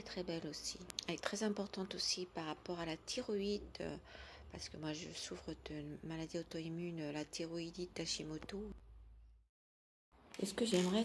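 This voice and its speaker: Soft-spoken woman with a warm, low voice. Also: a little hiss or hum. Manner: gentle, hesitant, with many fillers. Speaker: vlogger presenting her daily routine. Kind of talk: casual chat.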